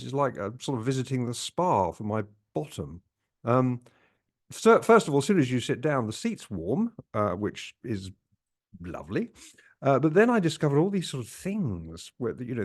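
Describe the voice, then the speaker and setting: An older man hosting a podcast, telling a rambling personal story with many fillers, restarts and hesitations. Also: mid-range voice. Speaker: podcast host. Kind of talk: casual monologue.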